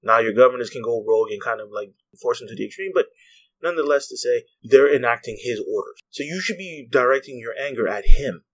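A man's voice: mid-range voice, expressive, brisk, low-quality recording. A man hosting a podcast, delivering a heated, blunt political rant full of swearing and speaking straight to his listeners. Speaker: podcast host. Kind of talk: ranting political commentary.

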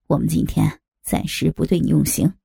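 A woman voicing a cold, calm male gang boss in an audiobook, making measured threats. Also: low-pitched, vocal fry, breathy edge, no room sound, studio quality, pitched below the performer's own voice, full character voice. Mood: coolly menacing. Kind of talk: audiobook character voice.

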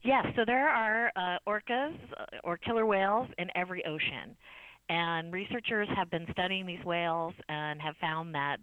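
A woman scientist answering interview questions in a clear, informative way with occasional fillers. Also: on the low side, normal speed, no echo, narrow, tinny audio. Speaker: marine biologist guest.

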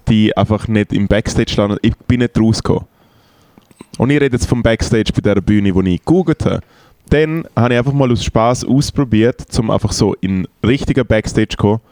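A man's voice: on the low side, darkish tone, dry recording. A young man with a Swiss German accent telling rambling, slangy stories in casual chat with many fillers. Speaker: podcast co-host.

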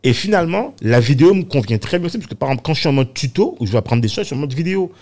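A man chatting in a studio round-table discussion, talking in an animated way and filling his sentences with frequent fillers. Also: a little high, rapid-fire. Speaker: podcast guest. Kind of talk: casual round-table chat.

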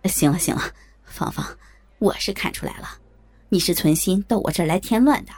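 A woman voicing a gaunt, sickly old man in an audiobook story who speaks in a hushed, urgent, pleading way. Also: on the low side, brisk, breathy edge, pitched below the performer's own voice. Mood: wheedling.

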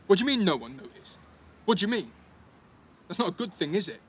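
Voicing a defensive, foul-mouthed teenage schoolboy with an East Midlands accent, a young man gives a full character performance in a naturalistic audio drama. His high, husky voice is very animated and quick, and he sounds indignant, blunt and slangy, piling on tag questions.

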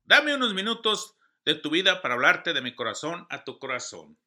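A man's voice: fairly high pitch, very animated, normal speed, pushed and bright, faint music behind. A man giving an earnest devotional sermon, reading scripture and news with emphasis. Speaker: preacher.

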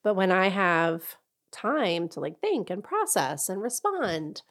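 A woman's voice: mid-range voice, very animated, takes it slowly, fairly bright tone. A woman chatting casually as a podcast co-host, with a talkative manner that slips into imagined dialogue. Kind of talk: casual conversational chat.

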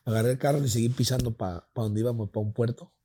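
A man with a Mexican Spanish accent telling a personal story in casual chat, animated and swearing freely, acting out the voices of people in it. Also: mid-range voice, fast, slight background noise.

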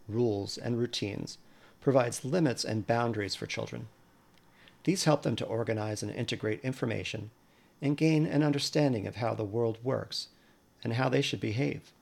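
A man coaching parents in a scripted podcast monologue, earnest and measured as he gives advice. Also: on the low side, vocal fry, darkish tone.

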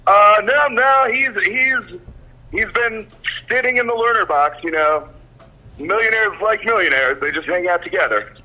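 A man's voice: high-pitched, unhurried, sharp tone, rough recording. A man calling in and heard through a phone on speaker, chatting casually and swearing freely. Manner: laid-back, swears freely. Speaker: caller. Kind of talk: casual call-in chat.

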